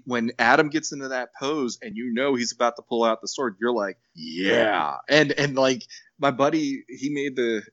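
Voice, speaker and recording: A man chatting on a podcast in an animated, rambling way, acting out quotes. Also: mid-range voice, no room sound. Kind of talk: casual podcast chat. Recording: dull lo-fi dry sound.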